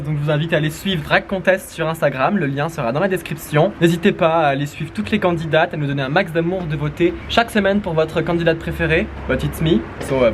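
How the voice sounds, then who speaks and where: A man's voice: a little high, slight background noise. A man in his twenties with a French accent, chatting casually through a home vlog, rambling with lots of fillers. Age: 20s. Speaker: vlogger.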